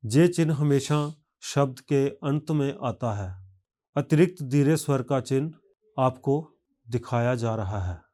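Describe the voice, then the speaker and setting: Man, language teacher, recorded lesson, unhurried, measured, deliberate pronunciation, mid-pitched voice. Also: a little mellow. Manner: slow, careful, measured delivery; pronounces example words deliberately.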